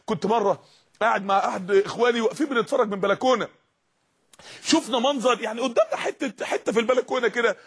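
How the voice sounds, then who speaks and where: A man's voice: extremely high pitch, fast talker, a bit bright, slightly rough. A young man preaching an impassioned sermon in an Egyptian accent, pressing his points through repeated rhetorical questions and commands. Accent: Egyptian Arabic. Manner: impassioned, rhetorical, repetitive exhortation.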